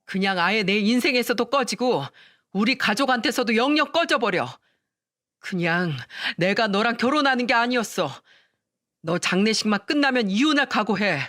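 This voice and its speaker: A woman's voice: mid-range voice, a little slow, no echo, clean studio sound. A woman playing a stern, fed-up husband. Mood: furious. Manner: stern, flat then harsh. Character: angry, fed-up husband, younger brother.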